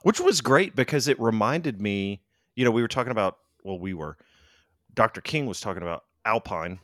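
Low-voiced, animated American man. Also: normal speed, dry recording, studio quality. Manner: animated and emphatic. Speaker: podcast co-host. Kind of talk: casual chat.

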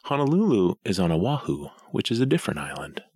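Low, lively man on a podcast. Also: slightly rough, dry recording, clean studio sound. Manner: rambling, drawn-out storytelling. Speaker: podcast co-host. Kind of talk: casual chat. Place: home basement studio.

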